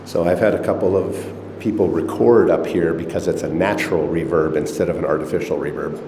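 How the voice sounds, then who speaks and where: Inside an echoey concrete chamber, a middle-aged man who owns an old missile silo gives a tour during a casual conversational interview. His voice is deep and brisk, and he talks in a relaxed, rambling way with fillers, over faint background noise.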